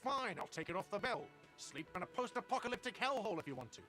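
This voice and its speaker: A man's voice: high voice, sing-song, quick pace, bright, forceful tone, faint music behind, pitched above the performer's own voice, heavily acted. A man voicing a grumpy, sarcastic male cafeteria manager in a video game, nagging about money owed.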